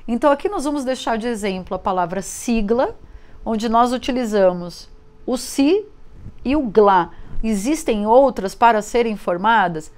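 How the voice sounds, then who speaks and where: A woman teacher, giving a recorded literacy lesson, sounding out syllables slowly and clearly. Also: a little high, animated, darkish tone. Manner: slow, clear syllable drilling.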